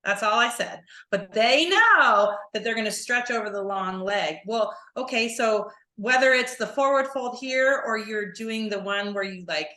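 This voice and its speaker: A woman yoga teacher talking casually on a podcast, animated and acting out her students' voices. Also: on the high side, measured pace, hardly any pauses. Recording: echoey room.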